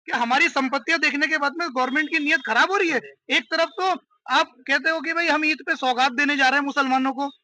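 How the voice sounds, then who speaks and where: A man's voice: very high-pitched, steady tone, quick pace, pushed and bright. A man being interviewed by a reporter at a mosque, arguing emphatically and firing off rhetorical questions. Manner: emphatic, rhetorical questions, repeats phrases for stress. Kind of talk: impassioned street interview. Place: at a mosque after prayers.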